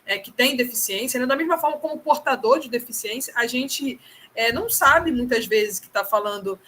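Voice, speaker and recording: A woman's voice: a little high, expressive, normal speed, pushed and bright. Thoughtful Brazilian woman, slight noise. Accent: Brazilian Portuguese. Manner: thoughtful, many tag questions. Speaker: participant in the discussion. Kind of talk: casual reflective comment.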